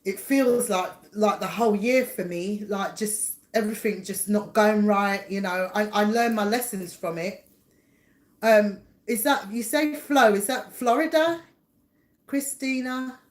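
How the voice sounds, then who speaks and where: A woman's voice: mid-range voice, a little slow. Chatty woman. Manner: chatty, rambling, laughs often, greets viewers by name. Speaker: livestream host and psychic reader. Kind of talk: casual live chat with viewers. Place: home, indoors.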